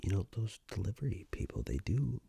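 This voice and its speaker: A man with a lowish, breathy, gravelly voice does a soft, leisurely ASMR roleplay, half-whispering close to the microphone. He's very animated as he plays a flirtatious, playful romantic partner.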